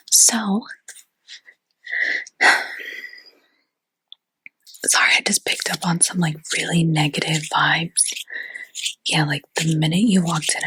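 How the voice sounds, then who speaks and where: A woman's voice: low voice, pushed and bright, slightly rough, dry recording, low-quality recording. A woman whispering in a chatty ASMR roleplay as a fortune teller, with lots of casual fillers.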